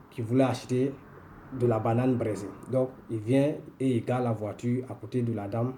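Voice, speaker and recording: A man from the country's northwest, hosting a weekly language lesson and telling a story at an unhurried pace with many filler pauses. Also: mid-range voice, warm tone, slight background noise. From northwest Côte d'Ivoire. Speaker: host and language teacher.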